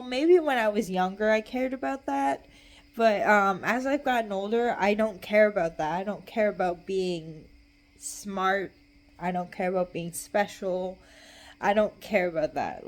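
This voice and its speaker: Slow, tipsy young woman rambling. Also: medium pitch. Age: young adult. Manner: tipsy, loose, meandering drunk talk; trailing off mid-thought, giggly. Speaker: vlogger. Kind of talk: casual rambling chat.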